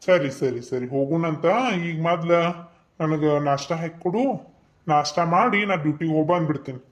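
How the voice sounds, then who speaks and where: A man's voice: a little high, moderate pace, lightly acted. A man voicing an easygoing, generous middle-aged village husband in a cartoon, with a North Karnataka Kannada accent.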